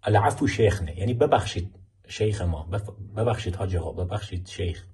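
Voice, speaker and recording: A man teaching a language lesson, explaining film clips and slowly repeating phrases for learners to practice. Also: low voice, very noisy.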